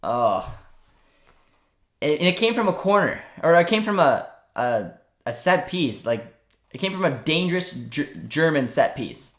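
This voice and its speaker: A man's voice: fairly high pitch, big pitch swings, measured pace, a bit bright, roomy sound. A young man from Canada hosting a casual live football watchalong, chatting and reading viewer comments aloud. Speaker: livestream host.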